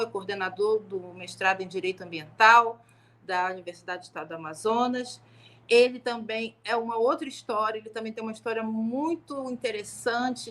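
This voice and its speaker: A woman's voice: fairly high pitch, fairly bright tone. Middle-aged woman, carioca accent, law professor, chatty live-stream testimony with restarts. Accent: Rio de Janeiro (carioca), softened by years in Manaus. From Rio de Janeiro, Brazil. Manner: conversational, many fillers and restarts. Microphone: home live stream.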